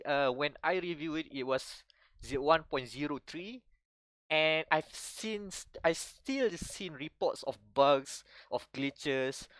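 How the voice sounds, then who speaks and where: A young man with a Malaysian English accent, co-hosting a casual podcast chat, rambling and animated with frequent restarts. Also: fairly high pitch, dry recording. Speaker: podcast co-host.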